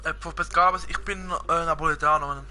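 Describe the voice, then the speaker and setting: During casual live-stream chat over a video game, a young man with a Swiss German accent rambles to viewers and leans heavily on fillers; his first languages are Swiss German and Italian. His voice is a little high with fairly even intonation, he talks fast, and the background is noisy.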